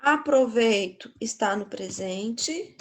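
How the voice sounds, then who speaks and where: Slow, patient Brazilian woman teaching. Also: on the high side, animated. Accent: Brazilian Portuguese. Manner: slow, patient, explanatory, checking with "né?" and "tá?". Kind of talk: grammar lesson for schoolchildren.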